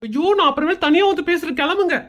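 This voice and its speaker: A woman's voice: very high voice, racing. A woman voicing a fussy, anxious young woman neighbour in a cartoon comedy.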